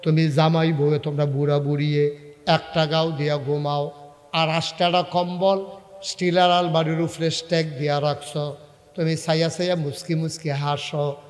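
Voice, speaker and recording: Man, preacher, waz sermon, fairly high voice, chanting and storytelling, long hall echo. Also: level tone, normal speed, faint music behind. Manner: swings from chanting wails to low storytelling.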